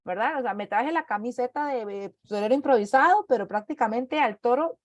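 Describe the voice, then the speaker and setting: A woman's voice: on the high side, fairly quick, no room sound. A woman giving an online talk, explaining things conversationally and acting out inner voices, often checking in with her listeners. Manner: conversational, acts out inner voices, tags with ¿verdad?. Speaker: speaker giving a talk on anxiety.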